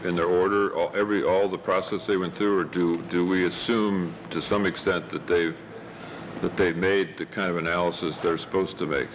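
A man with a low voice presides as a judge, speaking haltingly and restarting phrases. The courtroom recording is muffled, with clear background noise. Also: fairly even intonation. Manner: halting, repeats words when questioning. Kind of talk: questioning from the bench.

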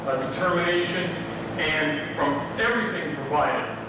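A man speaking as a lawyer in oral argument, insistent, sometimes halting and repeating words. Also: a little high, lively intonation. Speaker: lawyer arguing an appeal. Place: courtroom. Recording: very echoey hall, distant mic, muffled noise.

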